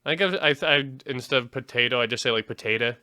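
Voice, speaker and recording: Bright-voiced Pennsylvania man, laughing host. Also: medium pitch, clear, resonant tone, no echo, clean studio sound. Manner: laughs often, swears, quick reactions. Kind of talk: casual chat.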